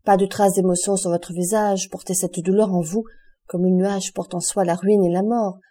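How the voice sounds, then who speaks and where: A man's voice: high voice, flat delivery, warm tone. Woman voicing Beauchamp, solemn loyal friend. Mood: urging. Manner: earnest, solemn, measured. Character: grave loyal young male friend, journalist.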